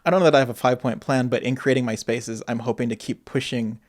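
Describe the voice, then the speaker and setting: A man in his thirties, a guest artist in a casual interview, telling his life story in a reflective, animated way. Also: medium pitch, fast talker. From grew up in Asia and Michigan.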